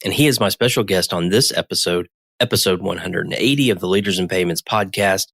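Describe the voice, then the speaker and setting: A man's voice: deep voice, a little fast, a bit bright, no room sound, clean studio sound. A man from the United States hosting a payments podcast, reading a scripted intro and then chatting with his guest. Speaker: podcast host. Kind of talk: podcast interview.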